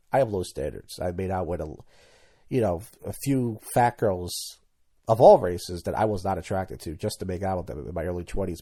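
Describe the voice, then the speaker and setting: A man's voice: deep voice, warm tone, husky. A man in his thirties hosting a solo podcast, talking casually and candidly, rambling and tripping over his words as he goes. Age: 30s. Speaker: podcast host.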